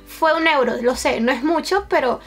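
Speaking in an animated, high-pitched voice with a fairly bright tone and a moderate pace, she is a twenty-something YouTuber and streamer with a Venezuelan Spanish accent who reacts to memes and streams. She talks casually to camera in a small shelved bedroom, recorded on a shotgun mic mounted on the camera, with soft music behind her.

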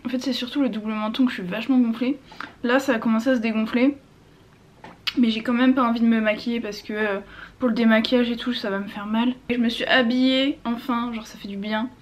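A woman's voice: on the high side, fairly even intonation, a little fast. A young woman vlogger chatting informally and frankly to camera, with some self-deprecation. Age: young adult. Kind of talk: casual chat to camera. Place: small room at home, indoors.

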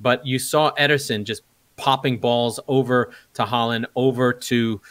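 A man's voice: medium pitch, steady tone, a little slow, a bit bright, no echo. A middle-aged man giving casual, analytical match commentary, repeating phrases for emphasis. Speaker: football pundit and co-host. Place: indoors at home, video call.

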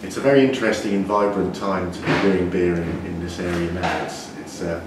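A man in his forties, a brewer, explaining things in a measured way with frequent restarts during an interview in a brewery. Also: sits low, fairly even intonation. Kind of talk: interview answers. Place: indoor brewery floor. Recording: echoey, distant, noisy brewery room.

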